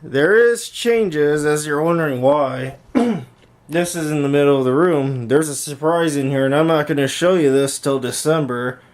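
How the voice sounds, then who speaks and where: A man with a fairly high voice and moderate pace narrates a YouTube hobby demo of intercom gear from behind a handheld camera in a room at home. His hands-on commentary is casual and rambling, and he often repeats himself.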